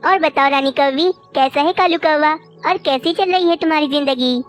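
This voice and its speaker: A woman's voice: sits high, normal speed, soft background music, lightly acted. A woman voicing a nosy, teasing female neighbour bird in a cartoon. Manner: teasing, meddling.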